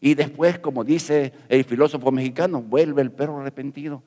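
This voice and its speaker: A man's voice: mid-range voice, fairly even intonation, moderate pace, warm tone, big-room sound. A middle-aged man from Peru preaching a sermon as pastor, folksy and jokey, asking rhetorical questions.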